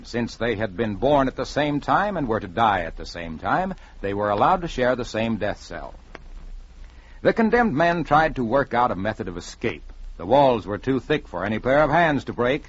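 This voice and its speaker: A male narrator tells a story for vintage radio in a medium-pitched, slightly rough voice. His delivery is expressive with measured drama, heard through a muffled old recording.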